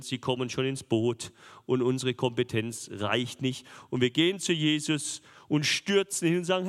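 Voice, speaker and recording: Conversational preacher in a reverberant hall. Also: male voice, medium pitch. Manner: lively, conversational preaching with rhetorical questions. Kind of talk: sermon.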